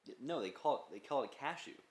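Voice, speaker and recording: A man's voice: medium pitch, expressive, quick pace. A young man co-hosting a casual podcast chat, rambling and swearing freely as he lists things off. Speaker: podcast co-host. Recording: roomy echo.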